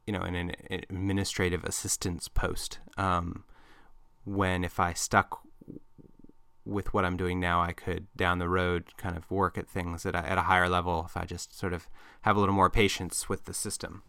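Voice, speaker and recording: Bright, crisp-voiced male podcast host. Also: sits low, flat delivery, normal speed, no room sound. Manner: musing, thinking aloud. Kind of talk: casual podcast talk.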